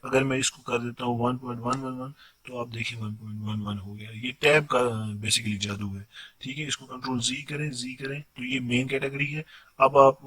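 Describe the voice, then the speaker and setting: Husky-voiced man teaching software. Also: medium pitch, dry recording. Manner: quick explanatory delivery with frequent "theek hai na" check-ins. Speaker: software tutor. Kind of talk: screen-recorded software tutorial.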